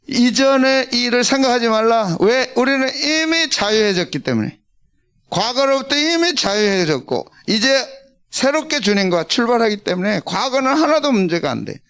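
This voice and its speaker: Older pastor guy preaching, kinda high voice, punchy and chatty, asks the crowd stuff. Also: fairly bright tone, clean tone. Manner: emphatic, conversational preaching with call-and-response. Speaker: senior pastor. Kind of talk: sermon.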